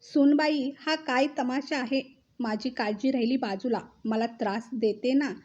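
Grumpy old mother-in-law always griping, a lady putting her on, mellow voice, kinda dull lo-fi sound. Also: high voice, fairly even intonation, a little slow. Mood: irritated. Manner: sharp, complaining scolding. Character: scolding older mother-in-law, irritable and complaining.

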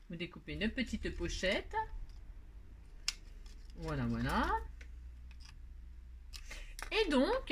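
A woman's voice: medium pitch, fairly bright tone, a little hiss or hum. Chatty woman rambling through a craft tutorial. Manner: chatty, rambling, self-mocking, addresses viewers directly.

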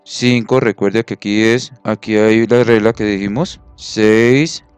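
Male teacher, lower voice, patient and methodical, faint music behind. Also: flat delivery, moderate pace, darkish tone, clean tone, dry recording. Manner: patient, counts syllables aloud, checks understanding. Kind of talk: explanatory classroom lesson.

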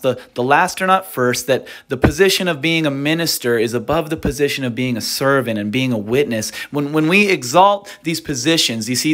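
A man's voice: on the high side, fairly bright tone. A man narrating a reflective, earnest voice-over about a preaching encounter. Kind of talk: voice-over commentary.

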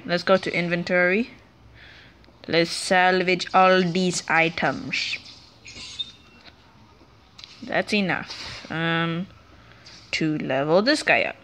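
Rambling woman gamer with a bright tone. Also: lowish voice, slight background noise. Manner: chatty, rambling, self-correcting. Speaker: let's play gamer. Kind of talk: casual gameplay commentary.

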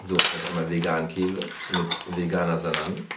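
A man's voice: low voice, level tone, normal speed. A man in his thirties chatting casually as he takes part in a food challenge vlog. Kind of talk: casual chat. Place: living room on a couch. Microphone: camera a step or two away. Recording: roomy, distant mic, loud noise, clatter.

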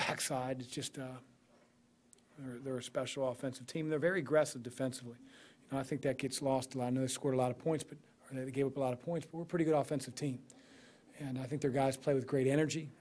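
A man in his forties stands at a podium in a press room and fields postgame questions as a basketball coach. He talks things through with lots of fillers and restarts, steady and measured. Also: medium pitch. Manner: measured, thinking aloud with many fillers and restarts. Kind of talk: postgame press conference answers. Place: press room in front of a sponsor backdrop. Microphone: podium microphone.

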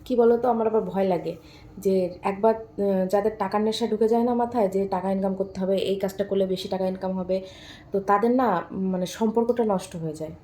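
A woman vlogger chatting casually at home at night, lively while talking with her husband, then speaking softly so a child can sleep. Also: mid-range voice, brisk, a little hiss or hum. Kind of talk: casual home vlog chat.

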